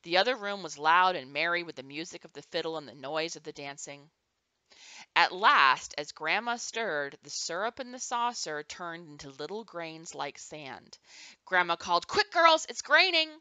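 A woman reading a children's chapter book aloud to her nieces and nephews, expressive and animated. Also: sits low, moderate pace, clean tone, no echo. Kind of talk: storybook read-aloud.

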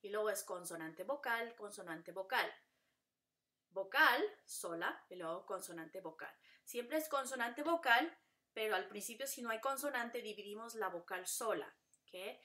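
A woman with a bright, clear voice gives a Spanish lesson. She talks patiently and works through each pattern step by step, repeating it many times. Now and then she slips into English to explain a point. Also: mid-range voice, animated, measured pace. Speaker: Spanish teacher. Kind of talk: classroom lesson.

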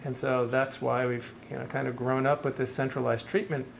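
Gravelly middle-aged man lecturing. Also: medium pitch, flat delivery, fairly quick, slight background noise. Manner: thoughtful, hedging, many restarts. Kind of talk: answering audience questions in a lecture. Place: university classroom.

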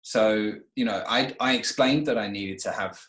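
In this casual interview, a man in his thirties who owns a renovation company speaks over video call from an echoey room in his house. His voice is lowish and a bit bright, his pace moderate, and he chats through his own story with plenty of fillers and restarts.

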